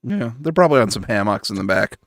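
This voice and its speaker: A man's voice: lowish voice, very animated, quick pace, a bit bright, no room sound, studio quality. A man running a tabletop game as game master, narrating scenes and calling for rolls in a laid-back way over an online voice call.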